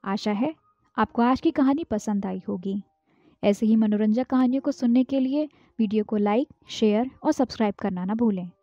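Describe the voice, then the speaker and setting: A woman narrates a literary short story in a measured, even reading. Her voice is high-pitched and mellow. The recording is dull and lo-fi with no room echo, and faint music plays underneath. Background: faint background music.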